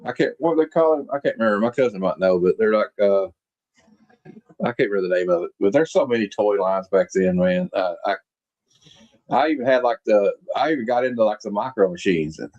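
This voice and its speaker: A man's voice: fairly low pitch, expressive, a little fast, darkish tone, lo-fi sound. A man in his late forties hosting a casual chat, reminiscing at length with lots of fillers. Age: 40s. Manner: rambling, reminiscing with many fillers. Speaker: podcast host.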